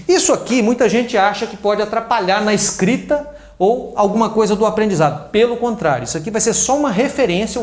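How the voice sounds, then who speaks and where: A man's voice: high-pitched, echoey room. A man with a Brazilian Portuguese accent explaining how a method works, as a teacher, emphatic on stressed syllables. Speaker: English teacher.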